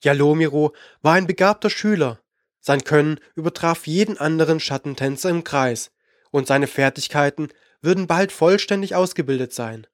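Male audiobook narrator, fairly high voice, dramatic and measured, dry close sound. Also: no room sound. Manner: measured, dramatic, slowing for suspense. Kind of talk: scripted fantasy narration.

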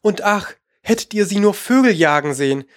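A reader voicing a polite, curious young girl, eager and quick to apologise. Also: mid-range voice, animated, no room sound, studio quality, pitched above the performer's own voice, close to an everyday voice.

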